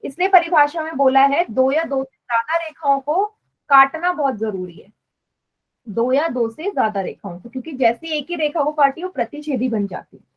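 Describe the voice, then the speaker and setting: A woman's voice: sits high, lively intonation, normal speed, highs cut off. A woman teaching math in a live online class, patiently explaining and quizzing students. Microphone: online class stream.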